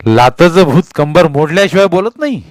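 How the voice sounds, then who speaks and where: A man voicing a harsh, angry middle-aged husband who shouts and scolds his wife, raising his voice high and loud. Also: normal speed, clear, resonant tone, no echo, close to an everyday voice. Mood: angry shouting.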